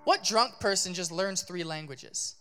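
A male pastor giving a sermon in a casual, animated storytelling style, full of fillers. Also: sits high, unhurried, clear, resonant tone, soft background music.

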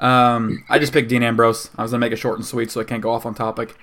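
A man hosting a casual podcast chat, brisk and keen to keep things moving. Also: mid-range voice, completely flat delivery, a bit bright. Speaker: podcast host. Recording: faint background noise and clicks.

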